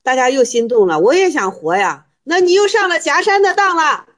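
A woman with a fairly high voice teaches old Zen stories to a group of students. She retells the monks' exchanges and needles her listeners with quick rhetorical questions. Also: animated, fairly bright tone. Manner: teasing, rhetorical questions, storytelling. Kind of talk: explaining Buddhist koans to students.

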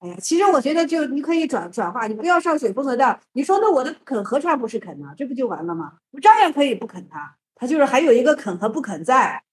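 A woman giving a casual talk on Zen teaching, telling old stories in a lively way. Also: sits high, fast, few pauses, roomy sound. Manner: storytelling, lively, with restarts.

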